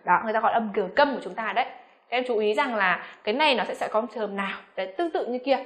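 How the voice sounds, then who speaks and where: A woman teaching English pronunciation to students, asking them frequent questions and slowing down to model each English word. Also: a little high, a bit bright. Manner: addresses learners as "các em", frequent rhetorical questions; slows down to model English words slowly. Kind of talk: classroom-style pronunciation lesson.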